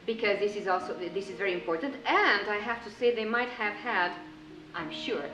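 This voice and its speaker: A woman's voice: medium pitch, moderate pace, noisy background. A woman giving considered remarks in an interview. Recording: echoey room with music.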